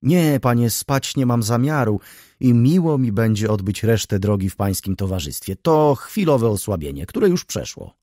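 A man's voice: mid-range voice, sing-song, moderate pace, mellow, no room sound, studio quality. A man voicing a tired, brooding middle-aged merchant who answers briefly and reservedly.

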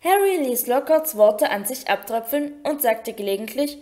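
A woman reading a storybook aloud in an expressive way. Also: high voice, moderate pace. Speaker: audiobook reader.

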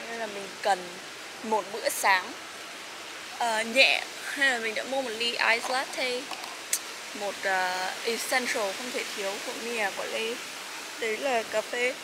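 A woman's voice: on the high side, heavy background noise. A young woman from Vietnam chatting casually in a student vlog, with lots of fillers and frequent laughs. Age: young adult. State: sleepy. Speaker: vlogger, master's student.

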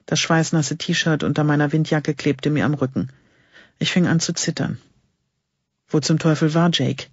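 Husky man reading an audiobook. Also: on the high side, steady tone, normal speed, no room sound. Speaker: audiobook reader. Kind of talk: scripted narration. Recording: dull lo-fi recording.

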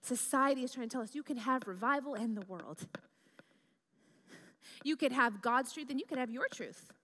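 Bright high-voiced woman preaching with humor. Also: moderate pace. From American Midwest. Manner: animated, comedic, acts out quoted voices. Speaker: guest preacher. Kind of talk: humorous sermon with storytelling. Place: church hall. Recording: reverberant church hall.

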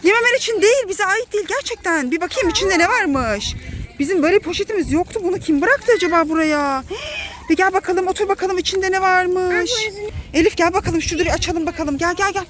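A woman's voice: extremely high pitch, brisk, a bit bright. A woman with a Turkish accent filming a family play vlog, talking to her children as their mother and warning them with lots of drama.

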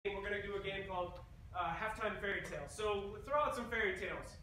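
Hosting an improv comedy show, a man with a high, fairly quick voice chats casually while projecting to a live audience on a large indoor theatre stage. A far-off camera picks him up, giving an echoey hall sound and a noisy crowd.

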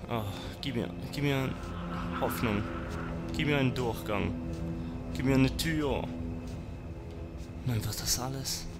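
A man's voice: mid-range voice, slow pace, pauses often, over loud music. A man commenting on his gameplay, talking to zombies and to himself and swearing when startled. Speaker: let's player.

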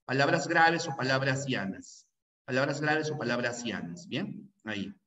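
Speaking at medium pitch in an animated, unhurried way, this male teacher from Peru has a bright, forceful tone. He gives a pre-university language lecture, repeating rules repeatedly and checking in with students. Dull, echoey audio from a far-off mic.

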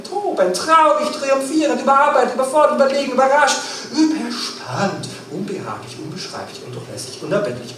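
High-voiced woman poet, far and echoey. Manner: incantatory, rhythmic listing with sweeping shifts in loudness and pace. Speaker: performance poet. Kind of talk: experimental spoken-word performance. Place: live stage in a reverberant room. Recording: distant live recording in a very echoey room with faint noise.

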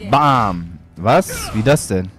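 A man's voice: mid-range voice, expressive, unhurried, faint music behind. A man giving gameplay commentary as a let's player, with playful, boastful trash talk.

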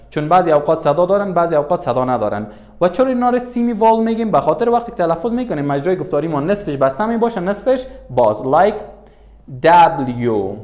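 A man teaching as a language tutor, saying each letter twice with slow, deliberate drilling and asking questions he answers himself. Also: fairly high pitch, darkish tone. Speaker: English tutor. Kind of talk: classroom language lesson.

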